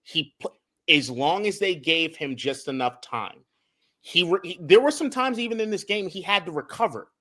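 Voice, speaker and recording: A man co-hosting a casual sports podcast, talking in an animated way, swearing, laughing and restarting his words as he breaks down game film. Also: on the high side, normal speed. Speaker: podcast co-host and film analyst.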